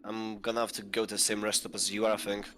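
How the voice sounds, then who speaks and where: A man's voice: on the low side, level tone, fast, a crowd in the background. A man from Poland co-playing a truck driving game, giving dry, mock-serious commentary in casual chat. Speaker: co-player and guest.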